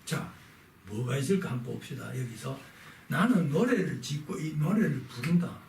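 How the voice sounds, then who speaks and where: A man giving a lesson, reading passages aloud and then unpacking them with rhetorical questions. His voice sits a little high but sounds dark and mellow. He is recorded from some distance in a roomy, echoing space with a faint hum behind him. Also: animated, moderate pace, gravelly. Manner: rhetorical questions, frequent "자" to move on. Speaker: lecturer on philosophy. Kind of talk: reading aloud and explaining a text. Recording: echoey room, mic at a distance.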